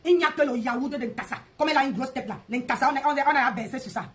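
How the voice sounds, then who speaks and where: A high-pitched woman hosts a live stream and rants at her rivals. She mocks them and repeats her jabs in a heated, confrontational way. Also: rapid-fire, a little hiss or hum. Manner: mocking, repetitive, confrontational.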